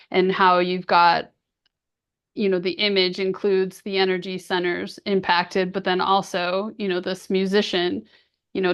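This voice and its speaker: A woman host talks eagerly in a loose, rambling way. Her voice sits at a middle pitch. She strings her thoughts together with "you know" and "like.". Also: fairly bright tone, smooth, highs cut off. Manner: enthusiastic, rambling, heavy use of "you know" and "like". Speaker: interview host. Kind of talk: casual conversational interview.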